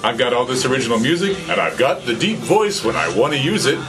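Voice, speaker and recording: Music plays behind this man's mid-range voice as he talks at a quick pace. He's a podcaster in his fifties in a casual interview chat with a guest, set in a small office with computers, using a stand-mounted studio condenser mic in front of him, and he's animated, gesturing a lot and getting excited.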